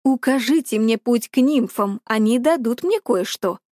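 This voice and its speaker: A woman voicing a bold young male hero who speaks slowly and mockingly. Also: fairly high pitch, lively intonation, darkish tone, no echo, studio quality, lightly acted. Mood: cocky.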